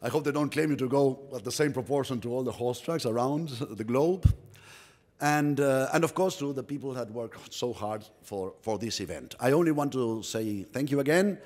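A man's voice: medium pitch, normal speed, a little mellow. Middle-aged guy at a podium mic, proud formal welcome speech, repeats words, mid voice, roomy reverb. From Uruguay. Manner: earnest, proud, repeats words while searching for phrasing. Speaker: company executive giving a welcome speech. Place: indoor press room at a podium. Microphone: podium microphone.

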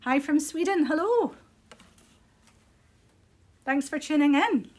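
Her voice sits high and animated but slow as this middle-aged woman from Scotland shows off products during a live shopping stream. It's chatty, unscripted and appreciative, captured on a phone at arm's length in a small room indoors.

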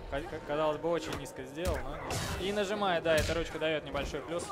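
Guy casting a fighting game live, voice a bit high, music really loud behind him. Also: fast talker. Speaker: esports commentator.

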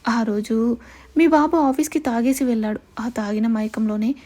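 A woman's voice: on the high side, fairly even intonation, normal speed, mellow, natural voice. A woman voicing a cold, gloating male villain. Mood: menacing. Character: vengeful middle-aged male villain gang boss.

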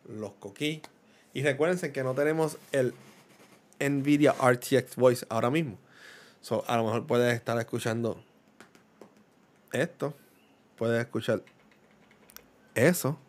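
A man's voice: medium pitch, measured pace, pauses often. A man with a Puerto Rican accent, casually explaining microphone settings into a desk microphone at home, often asking if the listener follows and slipping in English words. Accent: Puerto Rican Spanish. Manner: explanatory, mixes in English words, keeps checking understanding. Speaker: gaming YouTuber reviewing a microphone. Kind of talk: casual tech demonstration. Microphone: desk condenser microphone.

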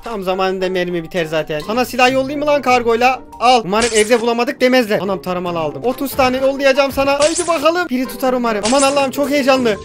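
A man giving jokey, excitable commentary while playing a video game, breaking into yelps and shouts. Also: very high voice, fast, few pauses. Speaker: gaming YouTuber. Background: game music.

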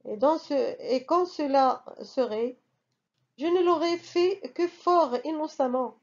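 A frightened, pleading merchant begging for mercy, voiced by a woman reading a storybook. The delivery is high and unhurried, on a slightly dull, lo-fi recording. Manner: trembling, pleading.

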